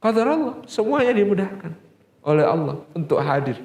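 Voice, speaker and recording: A man preaching a storytelling sermon, lively and drawing out key words. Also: high-pitched, echoey room. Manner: lively, acting out dialogue, drawn-out emphasis.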